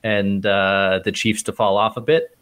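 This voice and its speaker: A man's voice: lowish voice, flat delivery, unhurried, fairly bright tone. A man co-hosting a casual sports podcast, opinionated and thoughtful, often restarting as he builds his point. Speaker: podcast co-host.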